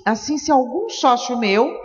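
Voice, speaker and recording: A woman's voice: high-pitched, animated, measured pace. A woman interpreting a talk consecutively, often hesitating and correcting herself. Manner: hesitant, with restarts and self-corrections. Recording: echoey hall, dull sound.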